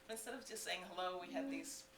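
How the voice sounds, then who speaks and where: A middle-aged woman reading from her own book to a live bookstore audience, breaking into animated, laughing asides. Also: fairly low pitch, quick pace. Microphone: distant room mic. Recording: echoey room, mic far off, faint hiss.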